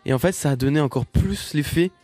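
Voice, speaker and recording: A man's voice: on the high side, fairly quick, dark tone, no echo. Male music producer guest, rambling anecdotes, dry close sound. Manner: rambling storyteller, many fillers and restarts. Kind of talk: casual podcast chat.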